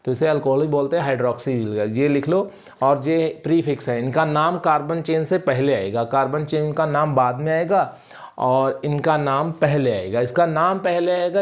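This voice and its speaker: A man's voice: fairly high pitch, a little mellow. A male chemistry teacher with a Punjabi accent, lecturing at a board and drilling each point by asking a question and then answering it himself.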